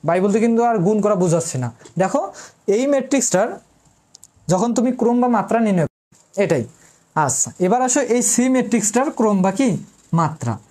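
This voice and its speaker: A woman's voice: medium pitch, expressive, normal speed, long pauses, mellow. A woman math tutor, teaching an online lesson in an informal way. She quizzes students, answers her own questions, and repeats the key terms.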